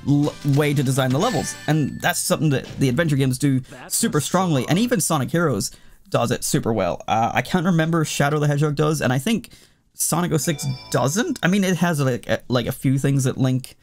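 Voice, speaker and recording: Loud game music fills the background as a brisk, animated man with a fairly high voice narrates a let's play. His commentary is casual and sweary, wandering off and breaking off mid-thought whenever the game grabs his attention.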